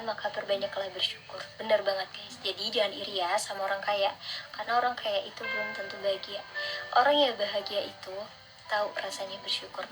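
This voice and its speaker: A young woman chats over prominent instrumental music in a mid-range voice. Her r's are slightly lisped, leaning toward w. She reads short reflective quotes and responds to them earnestly, gently encouraging the listener like a friend. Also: mid-range voice, poor audio. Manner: slurred r sounds, close to w. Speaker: vlogger. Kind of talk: casual motivational religious chat, reading out quotes and reacting.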